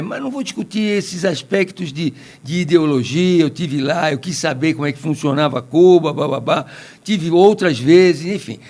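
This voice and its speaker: A Brazilian man with a notably high voice holds forth on a podcast panel. He is opinionated and digressive, and he winds through anecdotes to make his argument. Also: darkish tone. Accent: Brazilian Portuguese. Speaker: podcast commentator.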